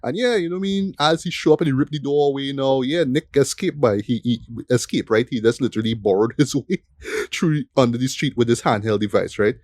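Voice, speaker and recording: A man talks through a film scene by scene, excited and chatty, often checking in with a quick "right?". His voice sits in a middle register and sounds dry and close to the mic. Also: medium pitch, dry recording. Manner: enthusiastic, frequent "right?" tag questions. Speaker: podcast co-host. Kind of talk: casual film review chat.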